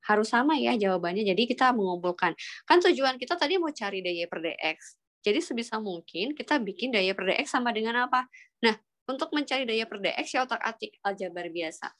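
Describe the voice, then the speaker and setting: A woman's voice: a little high, lively intonation, fairly quick, a bit bright. A woman teaching an online calculus class, patiently walking students through each step and prompting them with questions. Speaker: math lecturer.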